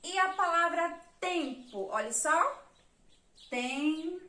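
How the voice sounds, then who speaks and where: Brazilian woman teacher, high voice, slow and patient with young kids, roomy echo. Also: lively intonation, pushed and bright. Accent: Brazilian Portuguese. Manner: slow, patient, counts aloud and spells letters for children. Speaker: primary school teacher. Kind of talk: remote lesson for young children.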